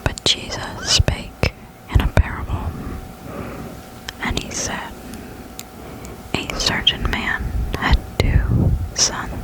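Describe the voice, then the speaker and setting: The host of an ASMR reading channel whispers poetry in a slow, breathy, gentle and soothing way, close to a desktop condenser microphone. The recording quality is low.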